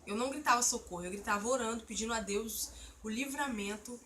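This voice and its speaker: A woman with a bright, fairly high voice shares a personal testimony of faith. She tells the story earnestly and with feeling, over a faint background ambience. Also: fast talker, a little hiss or hum. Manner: earnest storytelling, emotional retelling of an assault. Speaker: testimony speaker.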